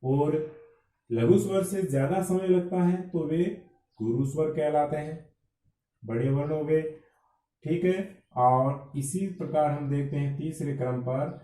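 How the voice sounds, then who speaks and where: A man teaching Hindi grammar for exam preparation, explaining slowly and drawing out vowel sounds. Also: fairly high pitch, warm tone, distant mic. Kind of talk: exam-prep lecture. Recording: echoey room, voice from off-mic.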